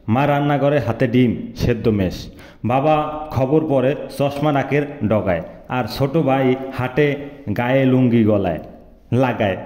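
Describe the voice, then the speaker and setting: A man's voice: mid-range voice, warm tone. A man from Barisal with a Barisal Bengali accent, reciting rhymed verse in a playful, rhythmic, sing-song way. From Barisal, Bangladesh. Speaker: poet-performer. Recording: echoey room with long reverb.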